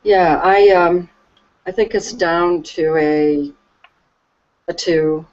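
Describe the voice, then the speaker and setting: Slow, hesitant woman, muffled sound. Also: fairly low pitch, fairly even intonation. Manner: soft, hesitant, many fillers and restarts. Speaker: Reiki practitioner. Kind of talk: slow reflective conversation. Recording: dull lo-fi recording.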